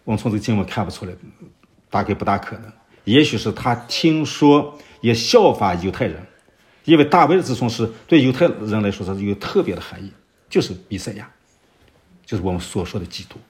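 A man preaching an expository Bible sermon, walking through verses and asking rhetorical questions, sometimes pausing with fillers while searching for references. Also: lowish voice, lively intonation.

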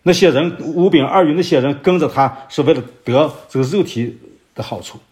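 A man preaching an expository Bible sermon, walking through verses and asking rhetorical questions, sometimes pausing with fillers while searching for references. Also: fairly high pitch, darkish tone.

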